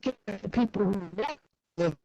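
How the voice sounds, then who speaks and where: A woman's voice: mid-range voice, measured pace, warm tone, dry recording. A woman speaks up at an online committee meeting, her voice breaking up and dropping out over a glitchy video-call connection, in short, choppy fragments. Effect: audio breaking up on a glitchy video-call connection. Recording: dull, lo-fi video-call audio.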